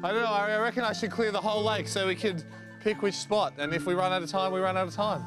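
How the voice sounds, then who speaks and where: A man's voice: high-pitched, fairly even intonation, fast, rough recording. A man chatting casually and jokingly outdoors in the snow. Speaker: co-host. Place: outdoors on a snowy frozen lake. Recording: outdoor location sound under loud music.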